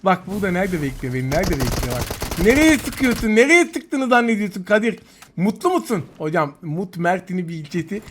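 A man rattles off quick, high-pitched commentary on his gameplay, taunting opponents and chatting with his viewers. Game gunfire and clicks crackle loudly behind his voice. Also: big pitch swings. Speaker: gaming YouTuber.

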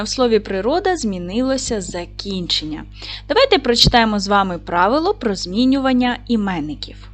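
Lively, encouraging woman teacher. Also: mid-range voice. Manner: clear, encouraging classroom delivery. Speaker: primary school teacher. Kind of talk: recorded video lesson for children.

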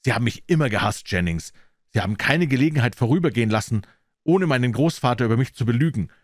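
A man voicing a stern, accusing young gentleman who argues urgently. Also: mid-range voice, lively intonation, quick pace, no room sound, studio quality, natural voice. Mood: indignant.

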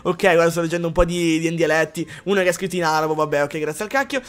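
A man from Calabria, a live streamer reading chat in a rambling, excitable way with crude jokes. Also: a little high, fast. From Calabria, Italy.

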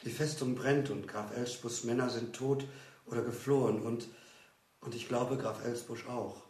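A man voicing a desperate young woman who stammers and pleads, his words halting and repeated. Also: medium pitch, fairly even intonation, darkish tone, distant mic, lightly acted. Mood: pleading. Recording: roomy echo.

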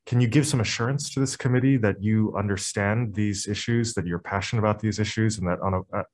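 A man in his thirties questioning a nominee at a committee hearing in a polite, formal, deliberate way, speaking through a mask into a table mic. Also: on the low side, steady tone, darkish tone. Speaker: state senator. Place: government hearing room. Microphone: table microphone, wearing a face mask.

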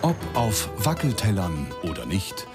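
A man's voice: fairly low pitch, big pitch swings, a little slow. A man narrating a reality TV show with ironic, dramatic scripted voice-over. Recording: music under voice-over.

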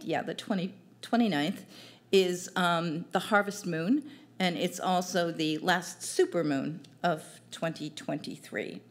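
An older woman reading her own poems at an open mic on a small cafe stage, in a gentle, measured recital into a stand mic. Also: fairly low pitch. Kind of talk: poetry reading. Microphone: stand mic at a distance.

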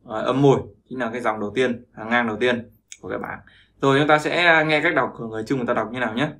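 Male language teacher, mid pitch, repeats himself, keeps checking in with listeners. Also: steady tone, rapid-fire, pushed and bright. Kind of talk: explaining pronunciation lesson.

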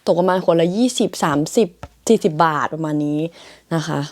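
Young woman, slightly low voice, relaxed rambling vlogger chatting to her viewers. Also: brisk, a little hiss or hum. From Thailand. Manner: chatty, filler-heavy, addresses viewers as everyone. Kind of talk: casual vlog chat. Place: her bedroom in a shared house.

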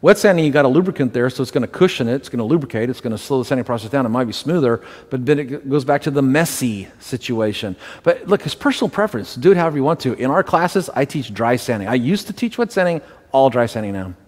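A middle-aged man gives straight, practical answers as a detailing instructor in a live class, his voice sitting at an ordinary pitch. He leans on casual fillers like "you know" and "look". The sound carries a long reverberant ring from the shop. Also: lively intonation, quick pace, few pauses. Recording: reverberant room.

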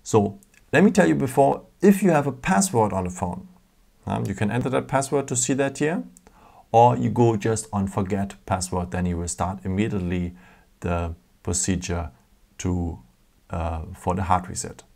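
A man with a lowish, gravelly, mellow voice speaks at a normal pace while hosting a casual step-by-step phone tutorial. He is patient, uses frequent fillers and non-native phrasing, and records indoors at a table.

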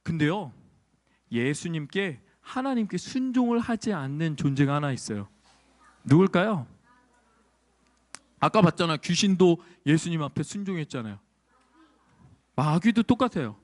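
A male children's pastor telling a Bible story, asking the kids questions in an animated way. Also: a little high, normal speed. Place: church.

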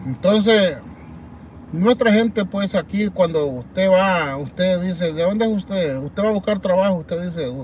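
A man's voice: sits high, lively intonation, slow, darkish tone, slight background noise. A man from El Salvador with a Salvadoran accent, rambling animatedly to viewers as host of a live chat from a parked car at night, reading comments aloud. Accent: Salvadoran Spanish. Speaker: livestream host.

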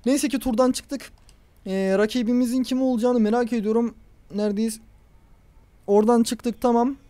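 A young man commentating his own football video game play, talking to himself and the players and yelling at big moments. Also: extremely high pitch, steady tone, normal speed. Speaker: gaming YouTuber.

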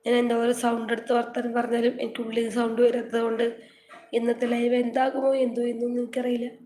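A Malayali woman live-streaming in a casual chat, her voice hoarse and nearly gone, repeatedly coaxing viewers to like and subscribe. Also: a little high, completely flat delivery, quick pace, dark tone. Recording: echoey room with faint hiss.

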